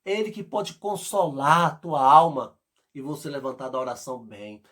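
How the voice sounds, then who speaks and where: A man preaching as pastor, fervent and pleading, with loud bursts and soft passages. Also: mid-range voice, normal speed. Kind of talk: sermon.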